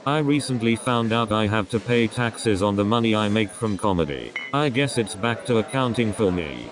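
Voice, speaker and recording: A man with a slightly low voice runs through a stand-up comedy set, firing off deadpan one-liners. Loud crowd laughter rolls in behind him between jokes. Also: normal speed. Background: audience laughter.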